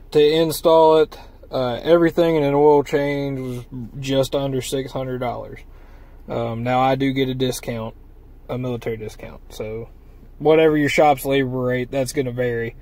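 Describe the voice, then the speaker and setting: A truck-accessory vlogger with a mid-range, slightly mellow voice talks at a steady, somewhat slow pace. In this casual walkthrough, he shows off a part he put on his truck, rambling in a folksy way with fillers as he films on a handheld phone from the cab and from beside a trailer.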